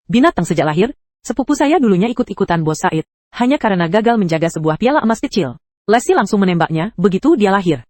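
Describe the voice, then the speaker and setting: A woman's voice: mid-range voice, very animated, fast, a little mellow, no echo, studio quality. A synthetic text-to-speech female voice narrating an anime recap, reading every character's lines in the same voice.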